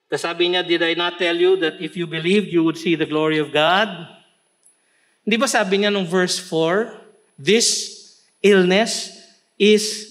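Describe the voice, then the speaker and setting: A pastor with a Filipino accent preaches a sermon in church, his voice sitting high as he mixes Tagalog with English scripture quotes. He swells into emphatic shouts.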